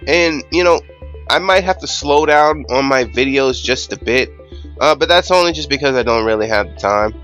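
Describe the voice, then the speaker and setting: A man's voice: medium pitch, moderate pace, a bit bright, faint music behind. A young man hosting his own channel, ranting casually with rambling, swear-filled emphasis. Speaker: YouTube channel host.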